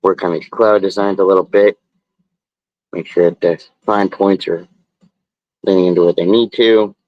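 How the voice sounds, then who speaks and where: A man's voice: low voice, steady tone, normal speed, no room sound, muffled recording. A man streaming casually as he draws, talking in a laid-back, drawling, slangy way into a phone. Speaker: live streamer and tattoo artist. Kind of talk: casual chat while drawing.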